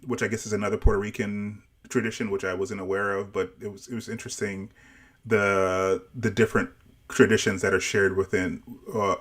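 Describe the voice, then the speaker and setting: A man's voice: fairly low pitch, a bit bright. A man with family roots in Barbados, co-hosting a casual show review over a livestream. He talks with many restarts and repeated words. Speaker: show co-host.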